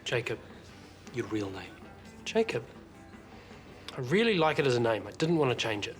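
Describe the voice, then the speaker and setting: A man's voice: mid-range voice, sing-song, moderate pace, lightly acted. A man playing an earnest, pleading companion. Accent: New Zealand. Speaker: actor in a TV series. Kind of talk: TV drama acting. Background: music.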